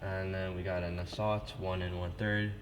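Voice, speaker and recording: This man has a deep voice and a flat delivery at a moderate pace. He's at the console giving an informal demonstration of church organ stops, full of restarts and filler words, while a pipe organ plays loudly behind him.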